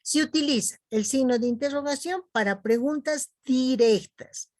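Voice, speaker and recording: A woman from Bolivia with a Bolivian Spanish accent, teaching punctuation in a recorded video class, explaining slowly with many "¿no?" tags and fillers. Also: high-pitched, no echo.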